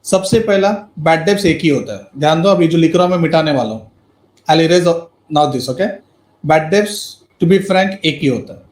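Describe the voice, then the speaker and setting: High-voiced teacher, echoey room. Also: male voice, normal speed. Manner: mixes Hindi and English, quizzes students by name. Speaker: accountancy teacher. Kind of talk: live online class lecture. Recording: roomy echo.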